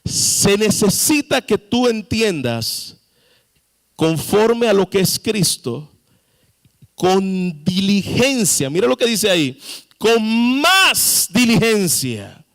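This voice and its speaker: A man's voice: sits high, sing-song, takes it slowly, a bit bright. A man preaching a sermon as pastor, with sudden emphatic rises and questions to the congregation. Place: church sanctuary. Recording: long reverb of a church hall.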